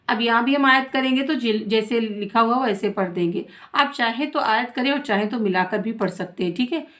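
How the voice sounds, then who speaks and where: This Quran recitation teacher is a woman whose voice is on the high side and slightly bright. She draws out each recited word slowly, then briskly explains the rules, answering her own questions along the way.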